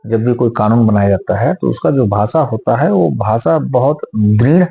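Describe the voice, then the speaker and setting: A man who is a senior advocate, explaining law at length in an interview in a measured, lecturing way with homely examples. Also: mid-range voice, animated, vocal fry, dark tone, breathy edge.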